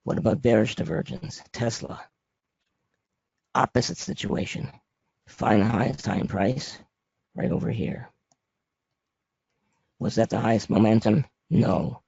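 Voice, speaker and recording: A man with a raspy, papery, hoarse voice presenting an informal slide lesson as an instructor, plain-spoken and conversational. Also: on the low side, lively intonation, measured pace, pauses often, a little mellow, no echo. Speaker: trading instructor presenting a webinar. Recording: dry, muffled lo-fi audio.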